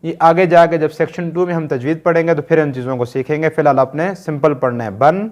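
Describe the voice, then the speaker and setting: A man's voice: a little high, fairly even intonation, fast talker, a little mellow. A man with a Pakistani Urdu accent teaching Quran reading in a recorded lesson, patiently drilling short sounds one by one and checking that learners follow.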